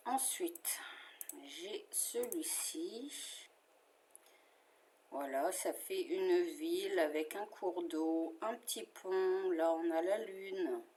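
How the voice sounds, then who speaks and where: Slow-talking French woman vlogger. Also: on the low side, dark tone. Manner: slow, chatty, with fillers and little asides. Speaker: cross-stitch vlogger. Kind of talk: casual chat showing favorite patterns.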